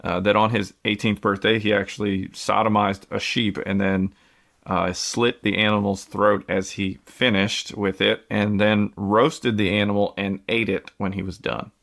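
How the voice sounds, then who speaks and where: Gravelly, lowish and a touch bright, the American podcaster's delivery is flat and moderately paced. His true-crime storytelling stays loose and casual, peppered with fillers and restarts.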